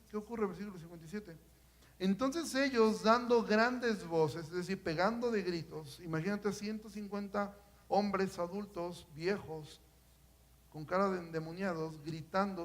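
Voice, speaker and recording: A man preaching a sermon in a high, light voice. He swings between hushed, intimate stretches and loud, climbing passages, pressing the congregation with question after rhetorical question. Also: rough recording.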